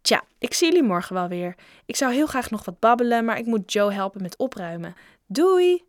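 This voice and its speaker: A woman voicing a boy who grumbles and is fast to say no, reading a storybook aloud. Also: fairly high pitch, big pitch swings, no room sound, clean studio sound. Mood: flustered. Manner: sulky, quick to refuse. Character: boy, a complaining friend.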